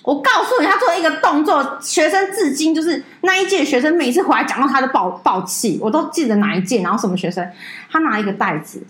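A woman co-host tells stories in a casual, animated chat, her voice swinging widely. She talks fast and sits fairly high. The room adds a noticeable echo. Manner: animated storyteller, mimics people in a high voice. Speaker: podcast co-host.

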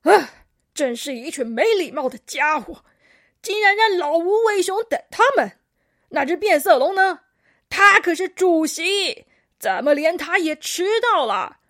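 A woman's voice: extremely high pitch, lively intonation, measured pace, fairly bright tone, voice pushed up, heavily acted. A woman doing a grumpy old koala grandpa. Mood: grumbling. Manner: scolding, huffy, proud.

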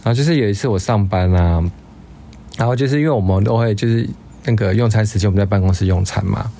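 A man's voice: on the low side, fast talker, gravelly, dark tone, slight background noise. A man, co-hosting a podcast and telling loose, rambling stories in casual chat. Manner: chatty storyteller, loose and rambling. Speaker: podcast co-host.

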